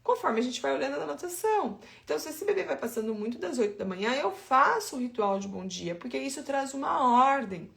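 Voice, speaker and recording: A woman's voice: sits high, very animated, fairly quick, creaky, hardly any pauses, a bit bright, echoey room. A Brazilian woman in her thirties, an infant sleep consultant giving chatty, emphatic advice straight to her listeners. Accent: Brazilian Portuguese. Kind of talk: informal advice talk.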